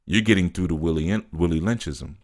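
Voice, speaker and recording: A man's voice: low voice, fairly quick. A man talking casually on a live stream, reading viewers' comments aloud and answering them, often laughing and saying "you know" and "man". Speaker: spiritual teacher answering live chat.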